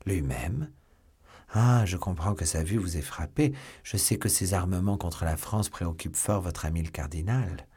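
A sardonic, steely English nobleman, as a male audiobook reader voices him. The voice is deep and husky, close to the reader's own. He speaks in a measured, quietly mocking tone. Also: expressive, exaggerated voice. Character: stern English baron, sly and mocking. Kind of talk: audiobook character voice.

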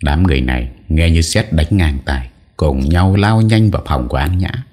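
A man's voice: rumbling low, normal speed, darkish tone. A man narrating an audio story in a dramatic storytelling manner.

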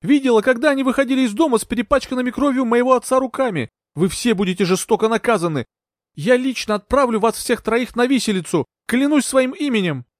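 A furious young noblewoman, as a male narrator puts her on, shrieking her accusations in a high, piercing voice that swings wildly in pitch. The sound is close and dry, with no room around it. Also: huge pitch swings, unhurried, few pauses, a little mellow, slightly rough, no echo, exaggerated voice. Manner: shrill, shrieking.

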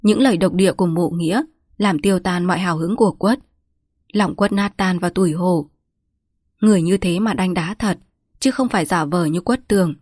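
A woman's voice: on the low side, fairly quick, darkish tone, husky, no room sound. Woman reading a village story, dry close sound. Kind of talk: scripted story narration.

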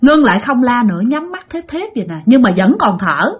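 A woman with a Southern Vietnamese accent tells a spooky tale. Her voice sits a little high and swings widely in pitch, with a husky, breathy grain. She talks to her listeners directly, like she is chatting with friends. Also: very animated, fairly quick. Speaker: storyteller. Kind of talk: spoken ghost-story narration.

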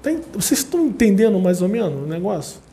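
A man's voice: sits high, fast talker. A man with a Brazilian accent giving a chatty, casual talk to an audience, repeating words for emphasis. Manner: chatty, repetitive, animated asides.

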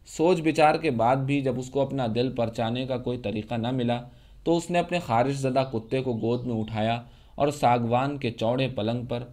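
Steady male story narrator. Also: medium pitch. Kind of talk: scripted narration of a literary short story.

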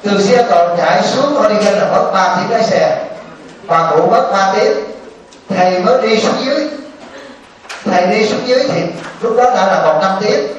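A man's voice: high-pitched, lively intonation, moderate pace. A man, a Buddhist monk, preaching to a live assembly, telling stories and asking the audience questions. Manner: storytelling, asks the audience questions. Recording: echoey hall, distant mic.

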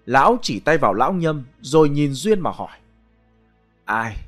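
A man narrating a ghost story aloud in a dramatic, expressive way. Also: a little high, brisk, soft background music.

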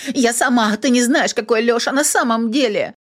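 A woman's voice: fairly high pitch, moderate pace, pitched above the performer's own voice, lightly acted. A woman reading an audiobook, voicing a pleading, defiant young girl.

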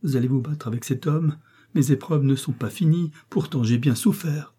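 A man's voice: medium pitch, moderate pace, mellow, breathy edge, voice pushed up, lightly acted. A man reading the part of a frightened, loving young wife, speaking in a pleading, anxious way in an audiobook.

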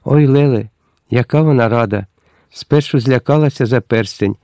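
A man's voice: mid-range voice, moderate pace, warm tone, no echo, clean studio sound, lightly acted. A man voicing a poor, timid young servant girl in a storybook reading, eager and pleading.

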